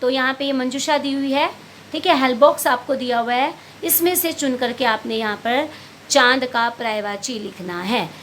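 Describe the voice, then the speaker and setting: A primary school teacher with a high, fairly bright voice walks young pupils through a Hindi workbook lesson at normal speed. She patiently poses questions, answers them herself, and calls the children beta. There's slight background noise.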